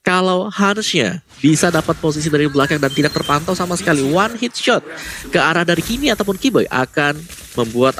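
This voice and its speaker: Male Indonesian esports analyst, quick and animated, fairly high pitch, explaining tactics over clear noise. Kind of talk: analytical game commentary. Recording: clear background noise and clicks.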